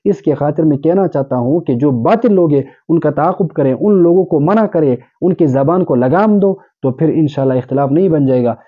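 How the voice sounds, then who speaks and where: A man's voice: a little high, few pauses, narrow, tinny audio. A man delivering an earnest sermon, exhorting listeners and explaining with everyday examples. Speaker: Islamic preacher. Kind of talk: urdu sermon.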